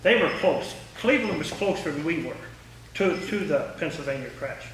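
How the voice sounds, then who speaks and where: The guest speaker, once an air traffic controller, has a fairly high, fairly bright, animated voice and a moderate pace. He gives an informal talk to the public, telling folksy stories and fielding questions, recorded in an echoey room through a distant mic with faint noise.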